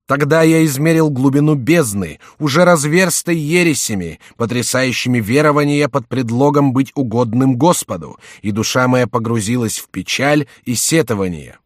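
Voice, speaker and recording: A man's voice: lowish voice, animated, moderate pace, a little mellow, dry recording, clean studio sound. A man voicing a pale, anxious prince who declaims in grave, pious tones, in an audiobook reading. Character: pale anxious male prince, trembling then rising.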